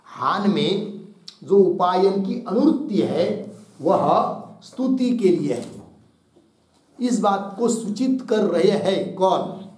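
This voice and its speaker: High-voiced man teaching in an echoey room. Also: animated, a little mellow. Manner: asks the class questions and answers them himself; dictates slowly, repeating each phrase. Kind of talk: explaining and dictating a Sanskrit text to students.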